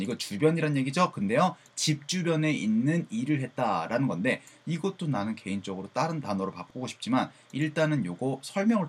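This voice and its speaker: A man, a native Korean speaker, gives a casual English pronunciation lesson, repeating phrases slowly and then explaining quickly. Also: mid-range voice, husky.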